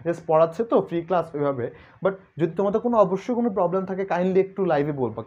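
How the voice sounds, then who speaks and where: A young man with a slightly high, slightly mellow voice tutors calculus online, chatting freely, joking with his students, and slipping English words into his speech. The recording sounds dull and lo-fi.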